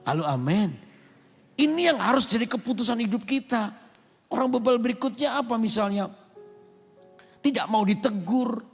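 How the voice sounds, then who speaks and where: Husky high-pitched preacher, hall echo. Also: male voice, lively intonation, normal speed, pauses often, soft background music. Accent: Indonesian. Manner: emphatic, calls for amen responses. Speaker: pastor. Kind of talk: sermon with acted anecdotes. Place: large rooftop church hall.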